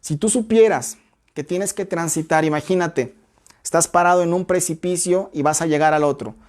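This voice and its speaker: A woman teaching a church Bible study in a measured, explanatory way, reading scripture aloud. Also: lowish voice, a little mellow.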